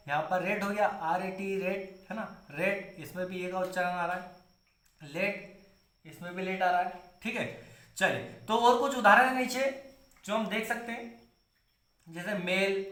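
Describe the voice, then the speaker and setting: A man with a high, bright voice teaches English pronunciation in Hindi, asking his own rhetorical questions and repeating example words slowly. He sounds like he is in an echoey room. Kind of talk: Hindi-medium pronunciation lesson.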